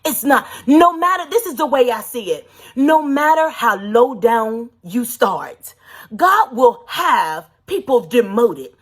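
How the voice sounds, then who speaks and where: A woman preaching with a high, husky voice that stays breathy even when she presses a point. She retells scripture in an emphatic sermon and asks her listeners rhetorical questions. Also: slow pace. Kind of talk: sermon storytelling.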